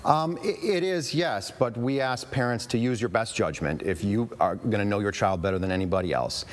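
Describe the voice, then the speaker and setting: Very deep-voiced American man, measured and deliberate. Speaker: historic fort staff historian, interview guest. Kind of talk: live TV interview.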